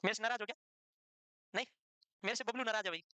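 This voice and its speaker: A woman teaches a lively exam-prep class at high speed, her voice high and bright. She fires questions at her students, answers them herself and slips in teasing scolds. The sound is dry and close. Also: fast, no echo, low-quality recording.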